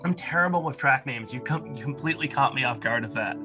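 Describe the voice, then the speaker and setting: A man's voice: medium pitch, quick pace, music in the background. A man from Maine hosting a show, interviewing a guest in an easygoing, chatty way. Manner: easygoing, chatty, many fillers. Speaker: radio show host. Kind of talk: casual interview.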